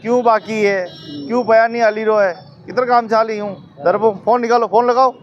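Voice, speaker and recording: A man's voice: sits high, fairly even intonation, fairly quick. A man, reporting on the spot and urging workers on. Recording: muffled, crowd noise.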